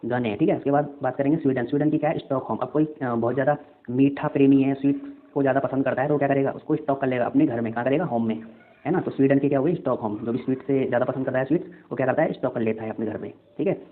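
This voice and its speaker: A young man runs a fast exam-prep lesson, quizzing his listeners and answering for them in a chatty rhythm. His voice sits at an ordinary pitch. The sound is thin and boxy, like a phone call. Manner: repeats answers as quiz questions, chatty. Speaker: teacher. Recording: tinny phone-like audio.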